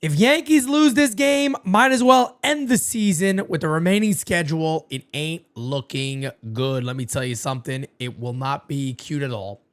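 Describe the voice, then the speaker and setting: A man with a fairly high voice hosts a live fan watch party, giving play-by-play and chatting with viewers at a moderate pace with hardly any pauses. Even as he loses his voice, he gets excitable, shouts during big moments and swears freely.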